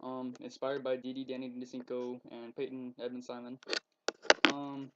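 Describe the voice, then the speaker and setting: A man's voice: mid-range voice, monotone, heavy background noise. Rambling teenage guy on a muffled laptop mic. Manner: rambling, halting, full of ums and likes. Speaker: vlogger. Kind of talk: casual webcam vlog. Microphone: laptop webcam mic.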